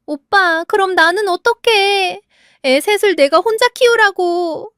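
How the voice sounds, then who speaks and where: A self-pitying young sister-in-law complains shrilly and demands help, voiced by a woman. Her voice climbs high, with a dry, close sound. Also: lively intonation, a little slow, no echo. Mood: whiny.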